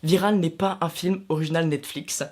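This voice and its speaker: A man's voice: fairly high pitch, fairly even intonation, normal speed, a little mellow. A young man from France chatting casually to his viewers, recommending films and series with self-mocking asides. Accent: French. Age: young adult. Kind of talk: casual vlog talking to camera.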